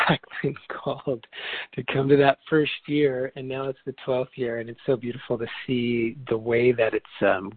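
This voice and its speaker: Brief: forty-nine-year-old man, husky, reflective and halting, dry phone-line sound. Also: mid-range voice, no room sound. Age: 40s. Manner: reflective, halting, many restarts and fillers. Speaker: yoga teacher and Ayurvedic doctor. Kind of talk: interview answers.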